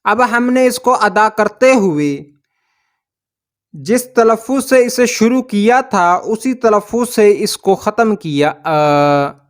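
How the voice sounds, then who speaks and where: A man gives a language lesson, his voice sitting noticeably high. He talks slowly and patiently, stretching out each sound he demonstrates. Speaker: language teacher. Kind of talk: slow explanatory lesson.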